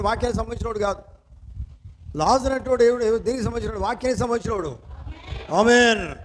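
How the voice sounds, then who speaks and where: A man's voice: high voice, a little mellow, a little hiss or hum. A man preaching a sermon as pastor, asking the congregation questions and punctuating with hallelujahs and amens. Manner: call-and-response preaching, frequent hallelujahs and amens.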